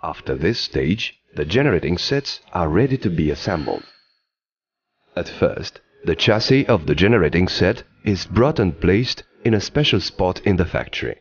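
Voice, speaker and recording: A man giving scripted documentary narration in an even, explanatory delivery, recorded as a studio voice-over. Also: low voice, normal speed, slightly rough, no echo, highs cut off.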